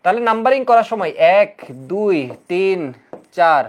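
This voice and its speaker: A man's voice: high-pitched, normal speed. A man teaching chemistry in an exam-prep lecture, quizzing students and answering his own questions, drilling key rules by repeating them. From Bangladesh. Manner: lively, coaxing, asks students questions and answers them himself.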